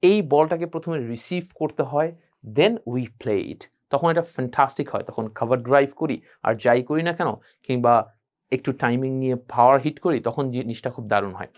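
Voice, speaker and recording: A man teaching a spoken English class, animated and drilling phrases by repeating them. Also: medium pitch, moderate pace. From Bangladesh.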